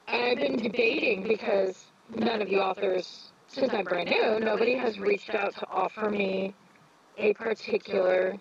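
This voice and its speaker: A woman's voice: mid-range voice, creaky. A woman co-hosting a stream in rambling, casual chat on her phone, her voice muffled with a whooshing sound like she is talking into a fan. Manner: rambling, with many fillers. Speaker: stream co-host and audiobook narrator.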